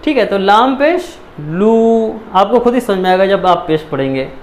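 High-voiced patient male Quran teacher. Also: expressive, a little hiss or hum. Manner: patient, repeats syllables slowly, frequent "theek hai". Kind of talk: step-by-step recitation lesson.

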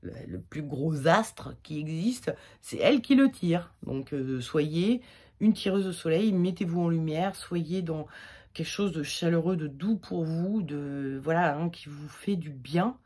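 Low, slightly husky woman, casual tarot reader, rambles with fillers and laughs at her own slips. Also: unhurried, a little mellow. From France. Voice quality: slightly husky, irritated throat. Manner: chatty, rambling, many fillers and self-corrections. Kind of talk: casual weekly tarot reading.

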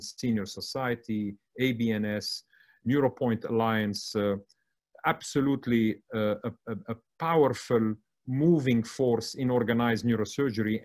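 Lebanese-born man introducing surgical panelists. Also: medium pitch. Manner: warm, admiring, with frequent fillers and restarts. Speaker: moderator introducing panelists and speakers. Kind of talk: formal introductions at an online conference.

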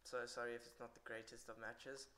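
A man's voice: mid-range voice, little pitch movement, a little fast, pushed and bright, a little hiss or hum. A tired man giving rambling, irritable live commentary on his own match and swearing a lot. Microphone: poor computer mic.

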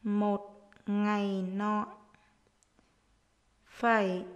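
A woman's voice: medium pitch, flat delivery, drawn-out words, dull audio. A woman primary school teacher dictating to young pupils, saying short phrases word by word and repeating each one.

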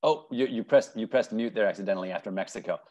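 This fast talker has a fairly low, darkish voice. A man in his thirties who teaches improv, he hosts a playful, upbeat game show over a video call from a room at home and often says players' answers back to them.

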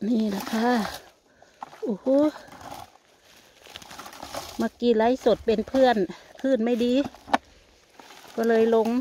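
An older woman with an Isan Thai accent talks in a chatty, homely way, as if to relatives, while she forages outdoors in a forest. Her voice sits a little high, and faint outdoor noise runs behind it on a handheld phone recording. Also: steady tone, moderate pace. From Thailand. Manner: chatty, addresses viewers as family. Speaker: vlogger. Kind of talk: casual chat while foraging.

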